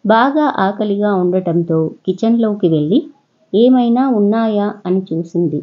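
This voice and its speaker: A woman with a Telugu accent narrating a children's story in a steady, even storytelling manner. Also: medium pitch, a little slow, highs cut off.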